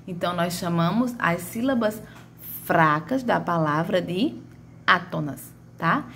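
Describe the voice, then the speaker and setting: Woman teacher, slow and sing-song, drawn-out example words. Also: on the low side, lively intonation, fairly bright tone, slight background noise. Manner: stretches out and calls out example words. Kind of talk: grammar lesson.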